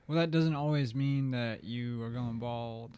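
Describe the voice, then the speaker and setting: A man's voice: mid-range voice, a little slow, warm tone, smooth, no room sound, studio quality. A man co-hosting a casual podcast, rambling with lots of filler words and casual swearing. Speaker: podcast co-host. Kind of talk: casual chat.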